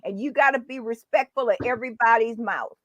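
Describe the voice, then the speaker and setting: A woman's voice: a little high, fairly quick, fairly bright tone, dry recording, dull audio. A woman in casual chat, making her points in an emphatic, colloquial way.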